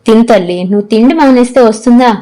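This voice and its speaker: A woman's voice: on the high side, fast talker, lightly acted. Soothing, caring mother, read by a woman for an audio story. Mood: comforting. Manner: soft and comforting.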